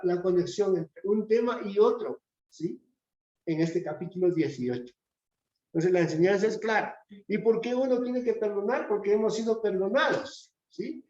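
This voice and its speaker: A man with a Peruvian Spanish accent teaches a church Bible study in a fairly high voice. He reads scripture slowly and keeps checking in with a quick question to the group. The sound is roomy and somewhat dull, as in a church hall. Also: a little mellow. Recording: echoey, dull church recording.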